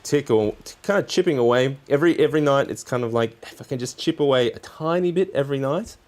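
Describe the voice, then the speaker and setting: A man chatting casually on a hobby livestream as its host, rambling in halting, trailing phrases. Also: medium pitch. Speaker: streamer, crafting channel host. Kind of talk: casual livestream chat while crafting.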